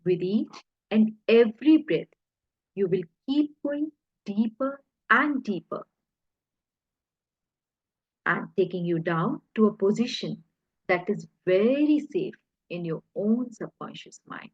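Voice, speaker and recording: In a mid-range, animated voice that is husky and breathy, a woman narrates a guided hypnosis session at a very slow pace. She is calm and deliberate, pausing between short phrases, and the recording sounds echoey and a bit muffled.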